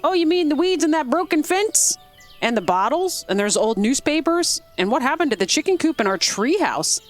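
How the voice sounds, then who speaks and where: A whiny, reluctant grandchild grumbles about being dropped at a run-down farm, read aloud by a woman streamer. The voice sits a little higher than her usual talk, with a complaining lilt. Soft game music hums behind. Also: very animated, moderate pace. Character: glum, complaining young grandchild.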